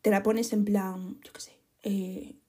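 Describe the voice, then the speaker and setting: A young woman, chatting casually and giving listeners advice on her podcast, expressive and laughing often. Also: mid-range voice, slow, slightly rough. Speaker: podcast host answering listener questions.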